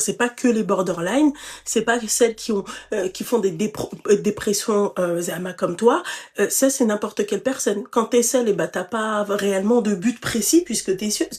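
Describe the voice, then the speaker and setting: A woman hosting a live stream, giving blunt, familiar advice to a caller, full of endearments and animated outbursts. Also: mid-range voice. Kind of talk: casual live advice chat.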